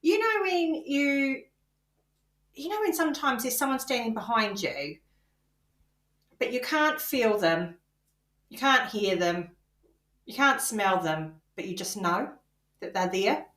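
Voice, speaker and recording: A woman's voice: fairly high pitch, animated, a bit bright. A British woman co-hosting a podcast, chatting casually about spiritual experiences, with frequent ums and easy laughter. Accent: British English. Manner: laughs easily, halting with many ums. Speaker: podcast co-host. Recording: echoey, boxy room sound.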